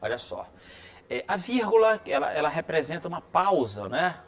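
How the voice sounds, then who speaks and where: A man's voice: on the high side, big pitch swings, normal speed, a bit bright. A man with a Brazilian accent teaching a writing lesson on video, friendly and encouraging, who keeps checking in with listeners by asking "right?". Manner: peppers sentences with checking tags like "right?"; friendly, encouraging classroom delivery.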